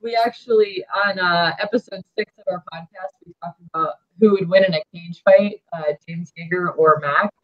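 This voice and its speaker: A woman's voice: on the low side, normal speed, few pauses, muffled recording. A woman guesting on a podcast, talking in a bubbly, giggly way. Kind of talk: casual podcast chat.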